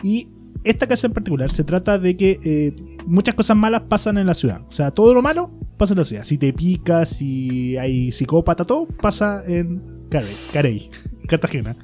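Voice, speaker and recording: A Chilean host steering a casual chat, mid-pitched with a mellow, dark tone. The talk is loose and chatty, full of pauses and laughter. Faint music runs under the voice. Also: animated. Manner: chatty, laughs often, thinks aloud with "eh". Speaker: podcast host.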